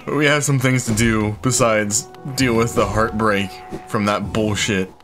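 A man swears his way through a game with exasperated, comic rants. His voice sits low, and clear game music plays behind him. He riffs casually to his viewers. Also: steady tone, measured pace. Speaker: gamer playing through a game. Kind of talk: casual let's play commentary.

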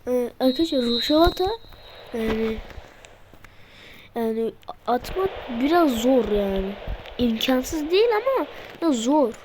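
Woman, high and unhurried, gameplay tutorial commentary, excitable, grumbles at the players. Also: noisy background. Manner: excitable, mutters and shouts at the game. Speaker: gameplay video maker.

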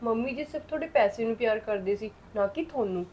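A woman with a Punjabi accent playing a gentle daughter-in-law who soothes and pleads. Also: on the high side, animated, fast talker, breathy edge. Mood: soothing.

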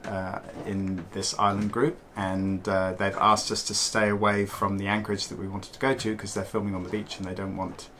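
A man in his forties giving a casual vlog update from a catamaran saloon, pausing often with fillers. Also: sits low, little pitch movement, pushed and bright, a little hiss or hum. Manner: halting, many uh fillers. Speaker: sailing vlog co-host. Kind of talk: casual vlog narration to camera.

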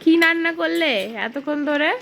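A young woman with a high voice speaks to her toddler in coaxing, sing-song baby talk, asking question after question. She sounds playful and patient, talking at home. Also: flat delivery, moderate pace, gravelly, a bit bright, a little hiss or hum. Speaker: mother filming her toddler.

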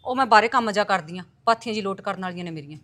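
A woman's voice: mid-range voice, lively intonation, very fast, a bit bright, dry recording, close to an everyday voice. A middle-aged woman playing a protective, firm village mother who scolds and orders her daughter around. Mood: affectionate, bossy. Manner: bossy, scolding. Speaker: mother and aunt. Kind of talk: film acting.

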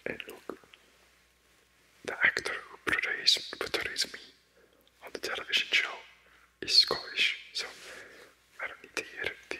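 A man's voice: unhurried, long pauses, pushed and bright, low-quality recording. A man voicing a scheming, sly middle-aged male courtier's ghost in a whispered role-play, teasing and confiding.

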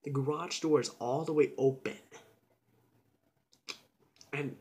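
A young man recounts a scary night in a loose, casual way. He drops into whispers for the tense parts and bursts out loudly when excited. The talk is full of fillers and quick asides. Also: fairly high pitch. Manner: animated, with sudden whispers and shouts. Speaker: storyteller. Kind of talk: casual storytelling.

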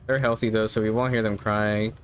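A man's voice: fairly low pitch, little pitch movement, fairly quick. Easygoing man commentating over game noise. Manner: easygoing, musing to himself as he plays. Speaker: game streamer. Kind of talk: casual live gameplay commentary. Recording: clear background game noise. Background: game ambience.

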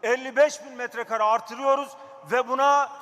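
A man addresses a council from a pulpit microphone, his voice high and sharp-edged. He speaks emphatically and repeats his key phrases for weight. A long reverb trails his words through the hall. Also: steady tone, normal speed. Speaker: district mayor. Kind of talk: council chamber speech. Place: council chamber.

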